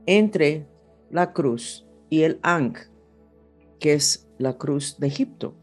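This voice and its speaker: Over music, a woman astrologer speaks Spanish as a second language, giving an unscripted horoscope and spiritual talk to her audience. Her voice is deep and lively in intonation, and she speaks very slowly.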